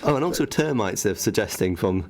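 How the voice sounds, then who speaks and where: A man's voice: on the low side, animated, brisk, darkish tone. A young man co-hosting a casual radio show in a studio, wry and polite. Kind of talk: casual banter on student radio.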